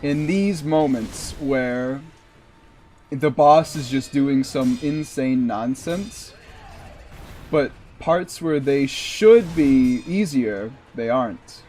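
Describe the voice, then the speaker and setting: A man's voice: medium pitch, animated, takes it slowly, mellow, soft background music. A man streaming a video game, rambling in casual commentary and swearing at the boss now and then.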